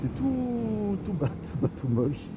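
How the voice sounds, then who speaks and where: A man's voice: high-pitched, sing-song, takes it slowly. A man from France chatting casually as he rides a motorbike, rambling and laughing often, recorded on a helmet camera. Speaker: motovlogger. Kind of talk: casual riding commentary. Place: on a motorbike on the open road. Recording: phone-like sound, loud wind noise.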